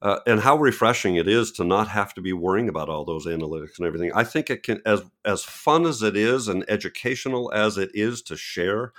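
A man with a deep, slightly bright voice appears as a guest photographer on a podcast interview. He speaks in a reflective, unhurried way, often restarting and correcting himself mid-sentence.

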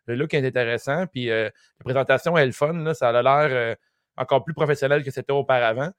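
A man with a Québécois French accent, a podcast guest giving relaxed, chatty commentary. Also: medium pitch, fast, clear, resonant tone, dry recording, clean studio sound. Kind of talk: casual podcast chat.

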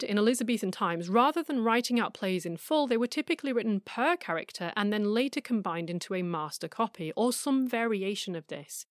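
Wry, measured woman narrating a podcast. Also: mid-range voice, no room sound, clean studio sound. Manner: measured and emphatic, with rhetorical questions. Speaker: podcast host.

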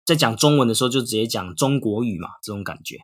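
A man's voice: mid-range voice, lively intonation, fast talker. A young man with a Taiwanese accent, chatting casually as he hosts a conversation. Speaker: host, interviewer. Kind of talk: casual chat.

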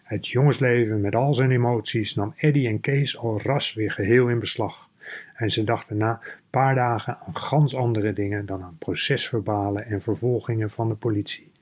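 A man reading a children's novel aloud in a steady, measured way. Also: fairly low pitch. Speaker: audiobook reader.

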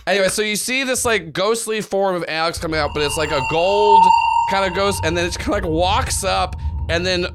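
A man working as game master, improvising narration in a halting, repetitive way. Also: high voice, very noisy. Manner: halting, repeats himself, says "like" often.

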